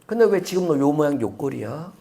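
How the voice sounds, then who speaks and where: A man's voice: medium pitch, normal speed, vocal fry, dark tone, close to an everyday voice. A man preaching who voices the tempter as a mocking, taunting male devil full of sarcastic jabs. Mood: sneering.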